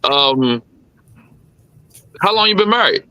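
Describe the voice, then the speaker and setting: Brightly voiced man in his thirties hosting. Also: high-pitched, slow, a little hiss or hum, poor audio. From Caribbean. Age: 30s. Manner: relaxed, conversational, slangy questions. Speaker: host. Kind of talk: casual interview chat. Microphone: remote live-stream call.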